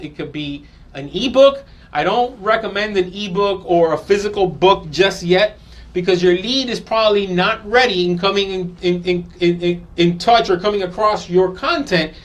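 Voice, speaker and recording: Male host, high voice, chatty, repeats himself; marketing how-to talk. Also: fairly bright tone. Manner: conversational, repeats himself, many ums. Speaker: podcast host.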